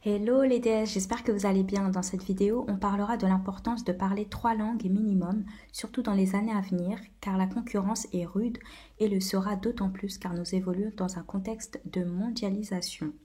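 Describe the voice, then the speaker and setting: Mellow-voiced woman, hesitant vlogger. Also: mid-range voice, steady tone, moderate pace. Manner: hesitant, many filler sounds. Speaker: video host. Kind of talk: casual explainer video.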